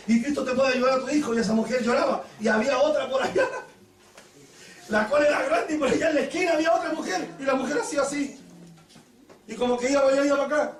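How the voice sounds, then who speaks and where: High-voiced Chilean pastor preaching fast. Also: male voice, far from the mic. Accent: Chilean Spanish. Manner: storytelling with laughs and sudden shouted praises. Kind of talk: Pentecostal sermon. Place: church hall. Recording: echoey church hall, mic from afar.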